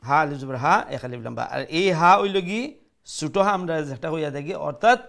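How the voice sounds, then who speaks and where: A man teaching Quran recitation, modelling each word slowly and switching into English to explain. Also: a little high, lively intonation, vocal fry, fairly bright tone. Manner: slow, deliberate, repeats words to model pronunciation, mixes English into explanations. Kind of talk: tajweed lesson, letter-by-letter.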